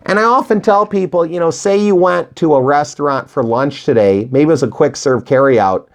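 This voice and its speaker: A real estate investing coach with a somewhat high voice speaks at a moderate pace in a motivational tutorial for beginners. Folksy and encouraging, he gets animated and emphatic, posing rhetorical questions and acting out imagined dialogue as examples.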